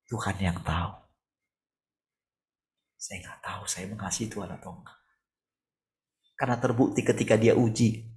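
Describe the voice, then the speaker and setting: Pastor, male, gravelly, conversational sermon on a video call, soft to raised. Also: low-pitched. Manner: conversational preaching, rhetorical questions, shifts between soft and raised voice. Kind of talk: morning devotional sermon over video call.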